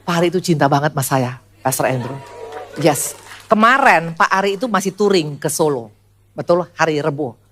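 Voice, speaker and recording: Woman pastor in her sixties, church sermon, animated delivery, loud high call-outs and low quiet asides. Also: fairly quick. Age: 60s. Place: church service before a congregation.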